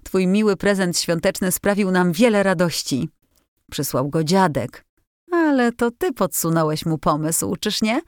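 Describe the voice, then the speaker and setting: A woman's voice: lowish voice, a little slow, no room sound. Lady reader doing a blunt tomboy teen girl from a storybook, eager and chatty, dry close sound. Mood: lively. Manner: eager, lively questions.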